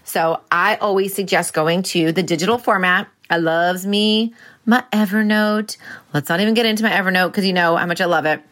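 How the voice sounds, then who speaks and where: Chatty woman coach, bright voice, playful, keeps asking her listeners to agree. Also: lowish voice, brisk. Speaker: productivity coach. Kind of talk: casual teaching monologue.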